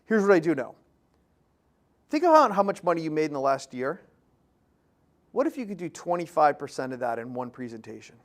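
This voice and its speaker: A man's voice: a little high, fairly bright tone. A man giving a motivational seminar talk on selling, telling stories with energy and firing questions at the audience in short, punchy phrases. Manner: punchy short phrases, acts out quoted dialogue. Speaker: public speaking and sales trainer.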